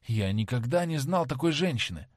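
A man reading a cold young gentleman. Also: medium pitch, animated, moderate pace, no echo, studio quality, close to an everyday voice. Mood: frightened. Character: young gentleman, frightened then cold and haughty.

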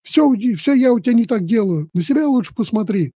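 A fretful, jealous young wife from a storybook, voiced by a man, who scolds in a shrill, raised voice and turns to tearful pleading. The voice sits high with a soft, mellow tone. The recording is dry and close. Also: expressive, fast, husky, no room sound, full character voice. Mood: scolding.

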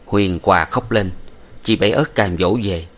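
A man's voice: deep voice, moderate pace. Man narrating a dramatic story. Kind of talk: audiobook narration.

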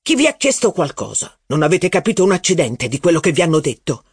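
A man's voice: on the high side, big pitch swings, a little mellow, breathy edge, no echo, clean studio sound. A man reading the lines of a blustering, self-centered aristocratic duke in an audiobook. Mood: angry. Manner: blustering, quick to temper.

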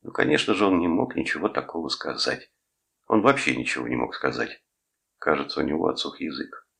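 Male audiobook narrator, very deep and gravelly, bright timbre, measured pace. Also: expressive. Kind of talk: scripted narration.

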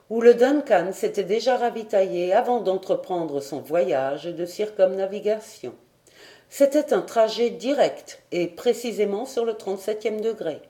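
A woman reading a classic adventure novel aloud as an audiobook narrator, calm and even. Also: medium pitch. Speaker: audiobook reader.

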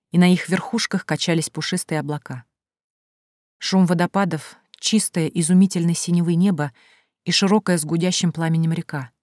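A woman narrating an audiobook in steady scripted storytelling. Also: fairly low pitch, no room sound, studio quality.

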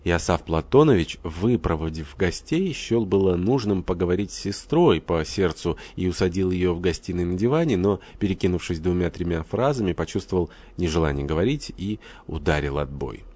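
A man narrating an audiobook in an even, unhurried manner. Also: low voice, husky.

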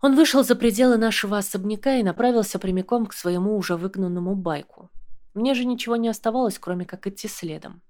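A woman narrates an audiobook in the first person. Her reading is calm and measured, an even storytelling voice. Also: medium pitch.

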